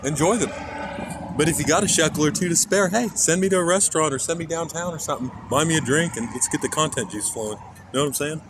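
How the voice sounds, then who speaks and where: A man's voice: on the high side, quick pace. A man from Kansas rambling casually on a live stream, chatting to viewers and reading out chat as he talks, recorded on a phone outdoors near traffic. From Kansas, USA. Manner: rambling, jokey, reads chat aloud. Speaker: IRL streamer. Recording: phone recording with clear traffic noise outside.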